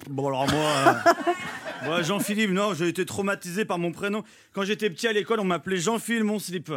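A man who is a regular on a comic radio show, telling goofy jokes in a deadpan way. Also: sits high, fairly quick, slight background noise.

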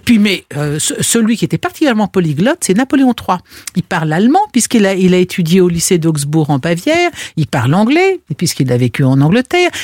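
A man telling history anecdotes on a radio talk show, animated and playful. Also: sits high, no echo, clean studio sound. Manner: animated storyteller, playful asides. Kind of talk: lively radio chat with anecdotes.

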